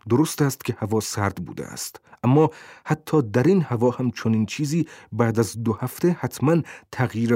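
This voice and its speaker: A man narrating a novel in a steady, measured way as an audiobook reader. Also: medium pitch, no echo, studio quality. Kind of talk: scripted narration.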